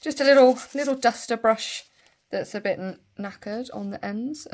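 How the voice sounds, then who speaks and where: A woman's voice: a little high, moderate pace, a little mellow. Chatty woman with a Bristol accent. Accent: Bristol English. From Bristol, England. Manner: chatty, thinking aloud, trailing asides. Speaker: nail vlogger. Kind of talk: casual unboxing chat.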